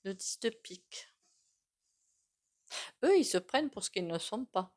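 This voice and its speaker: A woman's voice: medium pitch, very animated, measured pace. A woman with a regional French accent doing a casual tarot reading to camera, chatty and rambling with lots of fillers. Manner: chatty, rambling, with many fillers and self-asides. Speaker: tarot reader.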